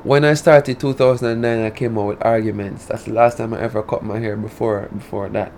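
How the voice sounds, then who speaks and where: In a casual artist interview, a Patois-speaking man from rural Saint Elizabeth, Jamaica, uses a country drawl. His fairly low, darkish voice stays fairly even and moves a little fast. A slight hiss or hum runs underneath.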